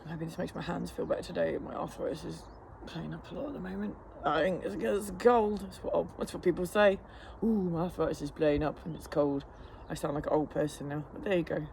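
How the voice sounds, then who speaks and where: A man's voice: on the high side, fast, gravelly, few pauses, noisy background. A man chatting casually to camera in a rambling, matter-of-fact, self-deprecating way while enduring icy water. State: cold-stressed, sitting in icy water. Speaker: fitness instructor vlogger. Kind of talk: casual chat to camera during a cold plunge. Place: outdoors in an ice bath.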